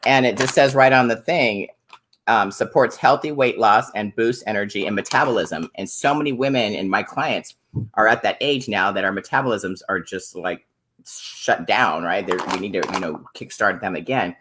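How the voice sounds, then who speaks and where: A woman's voice: a bass voice, moderate pace, a bit bright, slight background noise. A middle-aged woman hosting a casual interview, praising products with upbeat enthusiasm. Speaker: host.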